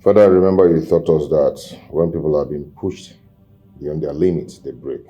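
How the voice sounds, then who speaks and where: An actor playing a reasoning prince in a film drama, measured and persuasive. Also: male voice, very deep voice, warm tone, highs cut off, faint music behind. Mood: measured, pleading. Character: reasoning prince pleading with his father.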